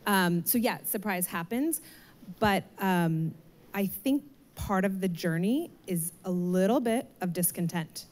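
A woman's voice: lowish voice, darkish tone. A woman recruiter speaking on a panel, giving earnest career advice into a handheld mic. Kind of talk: panel discussion. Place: large atrium stage with audience.

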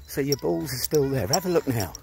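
Outdoors among trees, a man wearing headphones films himself on a phone at arm's length while making a brash, sweary, mocking one-sided prank call. His mid-range voice is creaky and expressive, coming a little fast. The phone recording is noisy.

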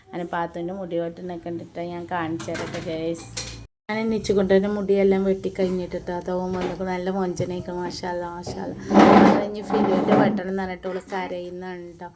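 Fast-talking woman with a Malabar Malayalam accent. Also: fairly low pitch, level tone. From Malappuram, Kerala. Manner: chatty, warm tag words at line ends. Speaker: family vlogger, mother. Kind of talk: casual voice-over narration. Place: indoor room, recorded apart from the filmed scenes. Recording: noisy home recording, kids in background.

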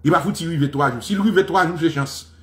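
A man with a Haitian accent giving an impassioned solo commentary, animated and mocking, with sudden loud outbursts. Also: fairly high pitch, normal speed, roomy sound. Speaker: political commentator.

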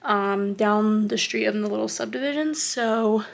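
A woman in her twenties vlogging casually to a camera held at arm's length at home, chatty and excitable. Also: mid-range voice, a little slow, gravelly. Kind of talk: casual vlog talk to camera. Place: bedroom at home, indoors.

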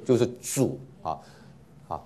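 A man's voice: deep voice, expressive, takes it slowly, mellow. Male teacher, patient classroom lecture, lots of fillers and repetition, with mixed in. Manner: patient, many filler 'ah' sounds, repeats words for students.

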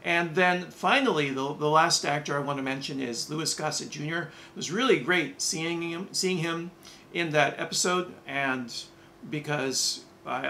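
A middle-aged man hosting a reaction video, talking casually and enunciating carefully with small pauses. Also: fairly high pitch, creaky, pushed and bright, slight background noise.

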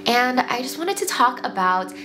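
A woman in her late twenties hosting a casual vlog, reflecting with gentle advice and lots of "like" fillers, filmed sitting on the floor at home. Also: high voice, big pitch swings, normal speed, noisy background. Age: 20s. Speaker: lifestyle channel host. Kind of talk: casual talking-head vlog. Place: home room, seated on the floor.

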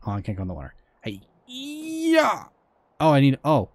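A man giving excitable, goofy commentary while playing a horror game, swearing and playing with silly words. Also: on the low side, very fast, no echo. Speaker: gaming video creator. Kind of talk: comedic horror let's play commentary.

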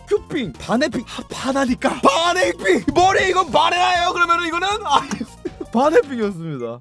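A gaming YouTuber hosting a guessing game in casual commentary, joking around with sudden shouted outbursts. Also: mid-range voice. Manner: animated, joking, bursts of shouting.

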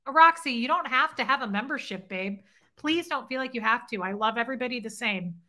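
In her home living room, a woman in her thirties hosts a casual livestream, reading viewer comments to the webcam on her desk with playful, teasing, flirty banter. Her voice is a little high, fairly quick, bright and forceful.

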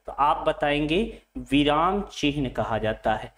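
A man's voice: on the high side, unhurried, fairly bright tone. A middle-aged man teaching Hindi to exam students, repeating phrases, asking questions and answering them himself, and calling his students his children. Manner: addresses students fondly as children. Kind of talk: classroom lecture at a board. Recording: echoey room.

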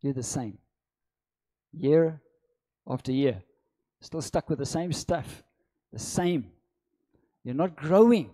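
Speaking slowly with long pauses, a middle-aged preacher uses a fairly high, dark voice with lively intonation, holding a handheld mic on stage. Before a seated congregation in a church hall, he repeats short phrases emphatically and stretches the stressed words.

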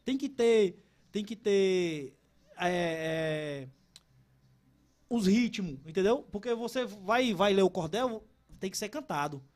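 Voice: a man in his thirties with a high-pitched voice, a guest speaking in a casual podcast interview. He talks with animated energy, often stumbling and restarting his sentences. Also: slow pace. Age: 30s. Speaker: cordel poet guest.

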